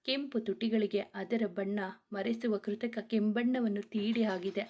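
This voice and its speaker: A woman narrating a romantic story in a steady descriptive reading. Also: mid-range voice, a little slow, muffled recording.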